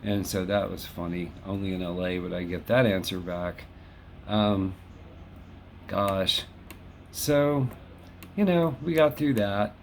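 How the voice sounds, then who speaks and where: Taking it slowly and pausing often, the man speaks in a low voice over slight background noise. He's a host in his fifties from Los Angeles, filming a casual home video monologue in West Hollywood with a chatty, wry, self-deprecating manner.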